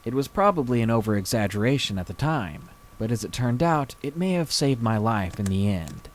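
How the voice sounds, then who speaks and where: A man reading a scary true story aloud with slow, dramatic pacing. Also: medium pitch, animated, slight background noise. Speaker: story reader.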